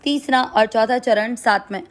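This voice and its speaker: Woman, Hindi accent, recitation teacher, syllable-by-syllable drilling, unhurried, fairly high voice. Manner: slow, careful syllable-by-syllable drilling. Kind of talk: pronunciation lesson.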